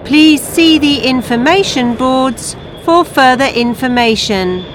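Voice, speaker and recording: A woman playing an airport announcer, making formal, measured flight announcements for a language exercise. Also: high voice, noisy background. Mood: formal, neutral. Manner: formal, measured, clearly enunciated public announcing. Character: female airport announcer giving flight notices.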